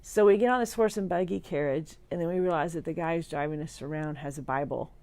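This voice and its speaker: Groggy post-op woman, creaky low voice. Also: fast, darkish tone, dry recording. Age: middle-aged. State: weak and groggy after surgery, on pain medication. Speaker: vlogger sharing a personal update. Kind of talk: rambling personal livestream monologue. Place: hospital room.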